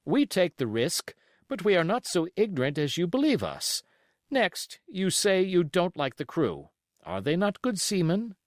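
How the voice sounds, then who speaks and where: A reasonable gentleman doctor, voiced by a male audiobook reader. He questions courteously and with quiet authority, slowly, with a widely moving pitch. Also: wildly swooping pitch, no room sound, studio quality, heavily acted. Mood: reasonable, probing. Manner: measured, courteous, probing. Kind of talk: audiobook character acting.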